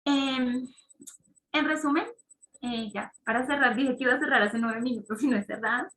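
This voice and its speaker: A woman talks parents through an idea in a bright, fairly high voice. She explains step by step and keeps checking in with her listeners. The sound rings a little in an echoey room. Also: moderate pace. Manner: conversational, explanatory, asks the audience questions. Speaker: parenting talk speaker. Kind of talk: online parent talk.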